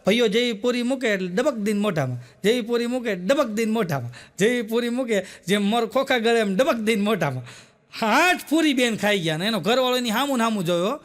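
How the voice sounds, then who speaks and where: High-voiced man telling jokes. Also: expressive, brisk. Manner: storytelling, laughs at his own punchlines. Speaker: comedian. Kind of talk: stand-up joke telling.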